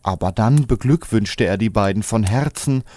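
A man's voice: fairly low pitch, moderate pace, dark tone, no room sound. A man narrating a comic fairy-tale radio play in a storytelling manner.

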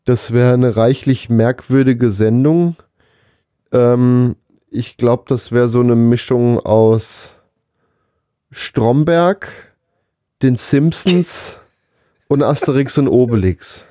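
Slow and warm, with long pauses, this male podcast co-host keeps the conversation relaxed and casual. His voice is medium-pitched, and the studio-quality recording has no room sound.

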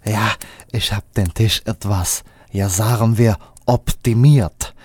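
A man's voice: lowish voice, fairly even intonation, takes it slowly, a little mellow, husky. A man voicing Santa's sheepish, boastful brother, talking hesitantly in a comic radio play. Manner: hesitant, show-off. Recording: music bed under voice.

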